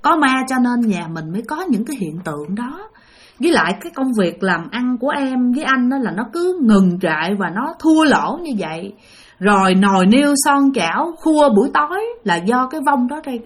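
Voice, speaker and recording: A woman voicing a frightened wife who talks softly and hesitantly to her husband in a told story. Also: a little high, big pitch swings, moderate pace, breathy edge. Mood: worried. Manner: hesitant, soft, worried.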